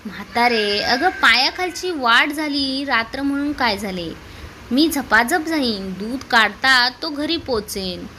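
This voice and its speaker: A woman's voice: high voice, animated, takes it slowly, bright, forceful tone, slight background noise, heavily acted. A woman voicing a fearless middle-aged village man in a spoken story. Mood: dismissive. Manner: confident then pleading.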